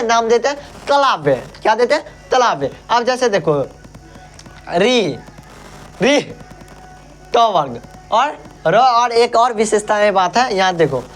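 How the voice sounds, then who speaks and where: Hindi man drilling exam grammar. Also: sits high. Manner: drills sounds aloud, asks and answers his own questions. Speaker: teacher. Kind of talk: exam-prep grammar lesson.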